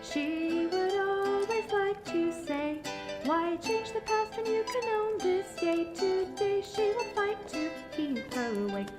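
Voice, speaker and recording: With a very high voice and a heavily acted, expressive style, a young adult woman takes her time singing folk ballads as a wandering bard in a fantasy audio roleplay. The mood is playful and story-driven, backed by plucked strings and a roomy echo.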